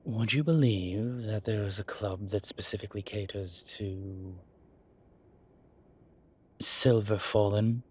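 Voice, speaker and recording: Here a man plays a smooth, dryly witty incubus professor in an intimate audio roleplay. His voice is husky and on the low side, with hesitant pauses as he calmly explains.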